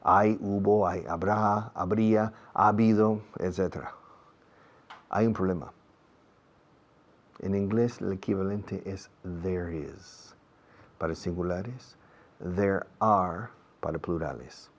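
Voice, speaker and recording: Male English teacher, very low voice, slow careful drills, muffled lo-fi sound. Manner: drills repeated phrases slowly, exaggerating pronunciation. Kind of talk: classroom explanation. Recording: dull lo-fi recording.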